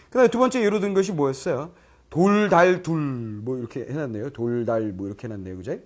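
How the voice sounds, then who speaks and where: With a mid-range voice and rapid-fire delivery, a middle-aged man teaches Korean grammar in an online lecture. He keeps things lively, checks often that students follow, and plays out foreign learners' lines in quoted voices.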